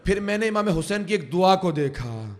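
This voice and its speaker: A man preaching a mourning sermon, telling a sorrowful story slowly and rising at times to anguished cries. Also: high voice, expressive. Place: religious centre hall.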